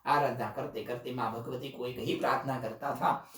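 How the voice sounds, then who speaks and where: A man's voice: medium pitch, fairly even intonation, normal speed, fairly bright tone. A man narrating a devotional story as a religious storyteller, earnestly exhorting his listeners. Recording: roomy hall, distant mic.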